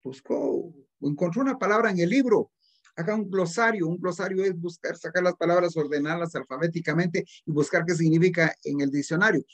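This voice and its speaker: A man's voice: high voice, a little fast. A middle-aged man with a Guatemalan Spanish accent, giving a recorded literature class and earnestly urging his students to read and write well. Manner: earnest, exhorting, addresses students formally. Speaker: literature teacher.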